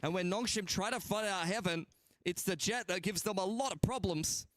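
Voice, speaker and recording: A man's voice: high voice, normal speed, a bit bright. A man doing live esports commentary and analysis as a caster.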